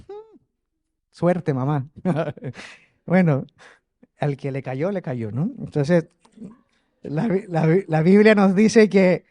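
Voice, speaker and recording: A man delivers a lively sermon to a congregation, jumping between hushed asides and loud calls to the crowd. His voice sits on the higher side for a man. The sound is close and dry. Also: no echo. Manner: animated, jokey, shifts from quiet asides to loud exhortation. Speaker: preacher. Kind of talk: lively Spanish-language sermon. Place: church in front of a congregation.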